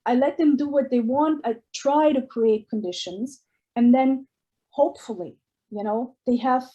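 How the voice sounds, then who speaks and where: Earnest Austrian-born woman, mellow voice. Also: sits high, measured pace, highs cut off. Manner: earnest, searching, with many restarts. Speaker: guest artist. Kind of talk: casual interview talk.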